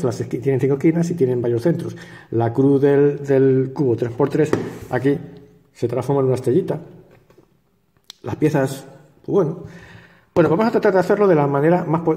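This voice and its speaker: Chuckling Spanish man, mellow, reverberant. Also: medium pitch. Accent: Spain Spanish. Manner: chuckling, sardonic, rambling with many restarts. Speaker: puzzle cube tutorial host. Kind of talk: casual rambling tutorial talk.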